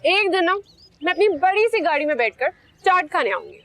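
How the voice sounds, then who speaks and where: A woman's voice: extremely high pitch, sing-song, brisk, fairly bright tone, heavily acted. An actress playing a brash, teasing young woman who wants to marry a man with a car. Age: young adult. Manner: teasing, cheeky. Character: brash outgoing young woman wanting a car-owning groom. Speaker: lead character. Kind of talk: TV drama acting.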